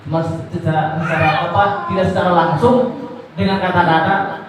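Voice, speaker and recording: A man preaching a sermon to women in a mosque, animated, acting out quoted wives in sudden high voices. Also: brisk, background noise. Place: mosque hall. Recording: very echoey hall, distant mic.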